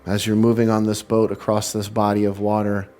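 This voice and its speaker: A meditation leader and spiritual speaker with a fairly low, slightly mellow voice guides a meditation in unhurried, soothing phrases separated by long pauses. His delivery is completely flat, and music plays clearly behind him.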